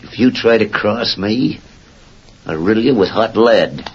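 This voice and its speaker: An actor playing a gruff, threatening outlaw gang leader in an old radio drama, talking in a drawl. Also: male voice, on the low side, a little slow, close to an everyday voice. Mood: menacing. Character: snarling outlaw gang leader, middle-aged man. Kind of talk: 1940s radio acting. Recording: dull lo-fi old radio broadcast with faint hiss.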